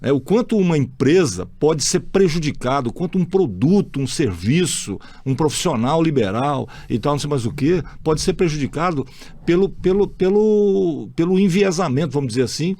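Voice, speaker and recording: A Brazilian man hosting a relaxed conversation, his voice sitting a little high and swinging widely in pitch as he tells stories. He talks bluntly, curses without a second thought and acts out each side of the exchanges he recalls. The sound is close and dry. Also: moderate pace, no room sound. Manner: blunt, swears freely, acts out anecdotes. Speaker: podcast host. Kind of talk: casual chat.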